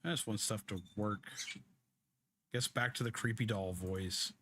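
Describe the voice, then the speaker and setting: A man's voice: lowish voice, steady tone, a little slow, a bit bright. A man giving casual gaming commentary as he streams. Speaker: game streamer. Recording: faint background noise.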